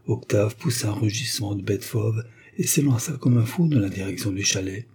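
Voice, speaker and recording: A man giving scripted narration of a classic novel as an audiobook, in a measured, steady storytelling manner. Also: on the low side, slightly rough.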